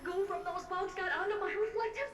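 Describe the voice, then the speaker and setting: A woman voicing a fussy, complaining talking mirror in a video game, with a creaky, squeaky voice. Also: steady tone, fairly quick, a loud crowd. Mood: whiny. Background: game music.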